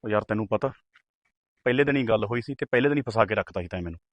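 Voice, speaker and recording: A man's voice: lowish voice, animated, rapid-fire, no room sound, muffled recording, lightly acted. A young man acting a timid, anxious boyfriend who talks in a worried, hesitant way. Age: young adult. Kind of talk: short film dialogue.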